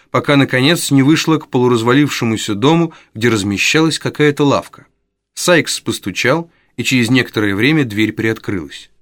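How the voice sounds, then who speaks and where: A man reads a story aloud with measured, dramatic delivery. His voice sits in a middle pitch. The recording is close and dry. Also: dry recording. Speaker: narrator. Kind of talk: audiobook narration.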